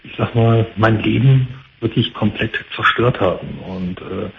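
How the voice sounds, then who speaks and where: A man in his thirties calling a talk show, giving a halting personal account over an unclean phone line. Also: on the low side, creaky. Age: 30s. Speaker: phone-in caller. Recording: unclean tinny phone line, faint noise.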